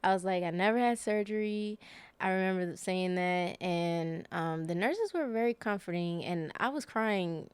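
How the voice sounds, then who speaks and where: A woman's voice: fairly low pitch, moderate pace, few pauses, clear, resonant tone, no echo. A woman guest on a podcast, telling a personal story in a rambling, casual way with many fillers and self-corrections.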